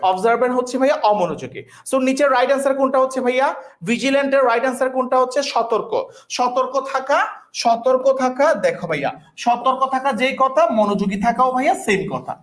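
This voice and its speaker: A woman teaching a vocabulary class, repeating each word and often checking that students understand. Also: a little high. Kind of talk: online class lesson.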